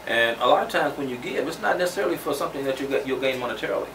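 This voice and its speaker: A man's voice: mid-range voice, expressive, very fast, fairly bright tone. Middle-aged man, talk show host, earnest and uplifting; distant mic, echoey studio, audible hiss. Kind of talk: interview chat. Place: TV studio set. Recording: roomy distant studio sound with noise.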